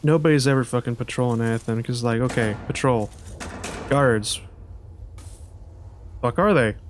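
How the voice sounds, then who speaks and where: A man's voice: medium pitch, moderate pace, slight background noise. Sweary sarcastic man. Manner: sweary, sarcastic, frequent outbursts. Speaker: gaming video host. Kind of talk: casual gameplay commentary.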